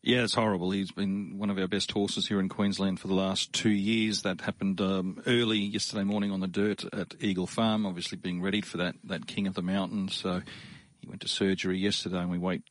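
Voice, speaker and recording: A man's voice: low-pitched, flat delivery, fairly quick, dry recording. A man with an Australian accent talking casually as a racing pundit in a studio. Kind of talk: casual sports discussion. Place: radio studio.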